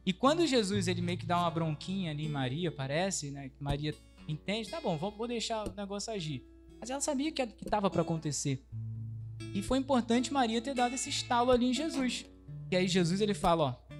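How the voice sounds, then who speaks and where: Chatty Brazilian man preaching over guitar. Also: high-pitched. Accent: Brazilian Portuguese. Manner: chatty, asks the congregation questions, many tag questions. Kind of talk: conversational sermon.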